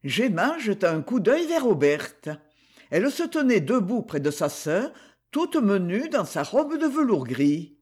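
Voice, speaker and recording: Slow, expressive male audiobook narrator. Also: high voice, breathy edge.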